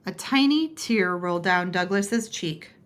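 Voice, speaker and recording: A woman reading a picture book aloud with expressive storytelling. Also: medium pitch, a little slow. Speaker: storybook reader.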